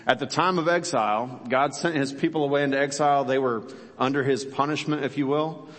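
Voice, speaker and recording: A pastor giving a conversational sermon in a church, full of rhetorical questions. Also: male voice, medium pitch, brisk, a bit bright. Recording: long hall reverb.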